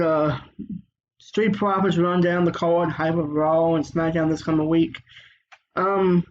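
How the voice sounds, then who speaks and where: A man's voice: sits high, dull audio. A man giving a casual, rambling review of a wrestling show, full of fillers and restarts.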